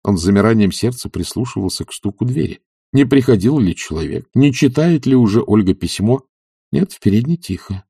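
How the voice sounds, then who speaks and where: A man narrating a classic novel as an audiobook, with an expressive, theatrical reading. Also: lowish voice, brisk, vocal fry, slightly rough, no echo, studio quality.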